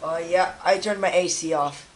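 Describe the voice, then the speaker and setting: A teenage boy with a raspy voice, hoarse from a cold, co-hosting a live stream in casual chat and rambling with lots of fillers. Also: high-pitched, fairly even intonation, normal speed, a little hiss or hum, poor audio. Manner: rambling, full of fillers and restarts.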